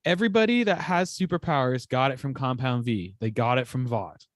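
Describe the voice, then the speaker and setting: A man of middle pitch talks through his points in a wry, explaining way, landing jokes with a straight delivery. The recording is dry and close. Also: a little fast, dry recording. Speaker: co-host guest. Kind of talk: casual chat reviewing a TV episode.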